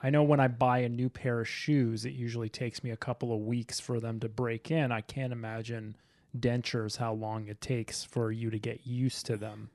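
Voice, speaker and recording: A man's voice: mid-range voice, level tone, normal speed, a little mellow, no echo. Teasing male podcast host. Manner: teasing, prodding with questions. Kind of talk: casual podcast chat.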